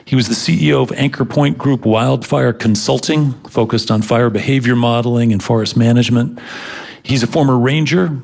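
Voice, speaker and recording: A man's voice: medium pitch, normal speed, creaky. A man hosting a live radio show, introducing music and interviewing a guest in a casual, easygoing manner. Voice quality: casual, relaxed delivery with fillers.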